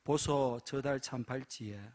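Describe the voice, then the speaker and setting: A man's voice: mid-range voice, a little slow, darkish tone, natural voice. A man voicing a plain-spoken Gyeongsang-dialect wife in a joke, with blunt, sing-song questions.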